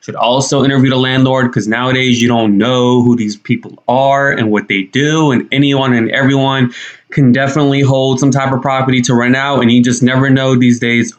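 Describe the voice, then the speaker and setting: A man's voice: medium pitch, flat delivery, a little fast, muffled recording. A young man giving casual news commentary to camera in a conversational, slangy way. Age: young adult. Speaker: YouTube commentator. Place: small indoor room.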